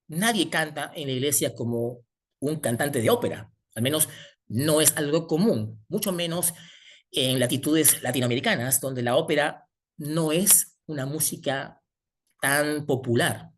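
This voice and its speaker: A man preaching a sermon, asking the congregation rhetorical questions as he teaches. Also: fairly high pitch.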